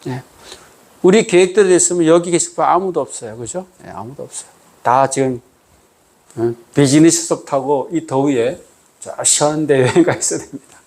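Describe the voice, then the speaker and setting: A man's voice: fairly high pitch, moderate pace, darkish tone. A male pastor giving a sermon in a conversational way, often asking the congregation questions and varying his pace for emphasis. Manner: conversational preaching with frequent call-and-response questions.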